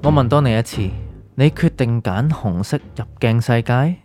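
An actor with a Hong Kong Cantonese accent plays an enigmatic, secretive doctor in a radio drama, a supporting character who guides others toward fateful choices. He speaks cryptically and philosophically in a solemn, lightly acted, mid-range voice at normal speed, with music beneath him.

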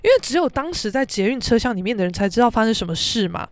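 Brash high-voiced Taiwanese woman. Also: big pitch swings, fast talker, no echo. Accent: Taiwanese Mandarin. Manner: brash, profane, dramatic, shouts out reenacted quotes. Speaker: podcast host. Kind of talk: casual storytelling monologue.

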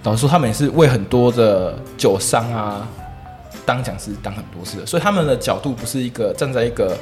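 Fast-talking man explaining whisky. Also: medium pitch, expressive, a little mellow, faint music behind. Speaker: whisky instructor. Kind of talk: casual chat.

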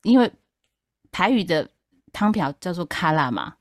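A woman's voice: on the low side, big pitch swings, measured pace, no room sound, clean studio sound. A woman from Taipei with a Taiwanese accent, explaining things in casual podcast chat and checking that the listener follows. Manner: explanatory, checks understanding with tag questions. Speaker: podcast guest explaining technology.

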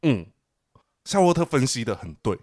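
Lively Taiwanese-accented man, teasing chat. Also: normal speed, dry recording, studio quality. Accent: Taiwanese Mandarin. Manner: animated, teasing, jumps into a high pitch when joking. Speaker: podcast co-host. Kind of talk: casual chat.

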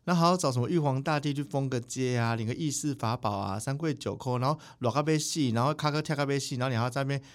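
Speaking at a medium pitch, a spiritual teacher shares stories as a guest on a podcast recorded in a studio. The conversation is casual, and he tells it in a lively, fast way, slipping into impressions of other people mid-story.

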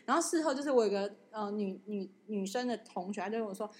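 A woman's voice: mid-range voice, lively intonation, fast. A young woman co-hosting a podcast, telling a story in casual chat and acting out the voices of the people she quotes. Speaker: podcast co-host.

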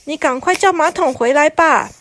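A woman's voice: high voice, normal speed, fairly bright tone, no room sound, voice pushed up. A woman putting on an impatient president. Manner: impatient, pushy.

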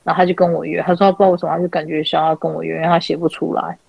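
Woman, online chat host, lively storytelling, husky voice, dry sound. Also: low-pitched, racing, no echo, dull audio. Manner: animated retelling, acting out quoted dialogue. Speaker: podcast host and spiritual counselor. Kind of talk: casual chat, telling client stories. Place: online chat room call.

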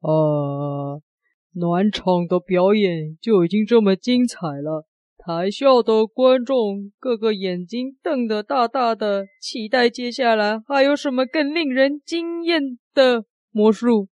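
Woman telling a children's story, mellow. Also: fairly high pitch, slow, no echo. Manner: gentle, expressive read-aloud narration.

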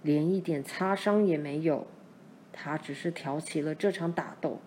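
A woman voicing a steady middle-aged pioneer father, speaking low and measured as he recounts events. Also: slight background noise, natural voice. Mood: calm.

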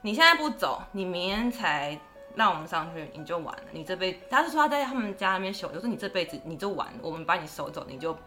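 Animated woman. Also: fairly low pitch, fast, soft background music. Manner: animated, acts out quoted voices. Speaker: guest storyteller. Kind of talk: casual ghost-story chat.

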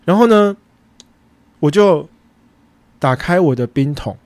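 A man with a Taiwanese Mandarin accent, hosting a podcast and casually retelling a story, acting out bits of dialogue with sudden jumps in pitch. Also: lively intonation, takes it slowly, darkish tone, no echo. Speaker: podcast host and food truck owner.

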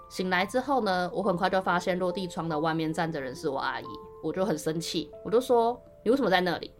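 Low-voiced woman telling a dream story. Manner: chatty, rambling with many fillers and restarts. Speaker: podcast co-host. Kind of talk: casual first-person storytelling.

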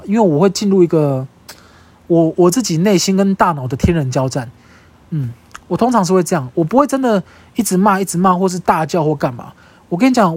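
A young adult podcast host with a Taiwanese Mandarin accent, talking alone in a casual, emphatic and expressive way, with casual swearing. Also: mid-range voice, breathy edge, no echo. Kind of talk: casual solo podcast monologue.

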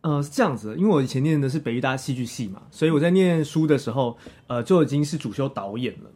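Man, Taiwanese Mandarin accent, interview guest, lively intonation, quick talker, casual self-deprecating storytelling. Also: mid-range voice. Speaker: interview guest, theatre director.

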